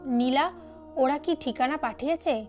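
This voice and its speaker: An earnest, protective young man, read by a woman in an audio story. His lines come in a high, sincere voice, with faint music underneath. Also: a little slow. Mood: concerned.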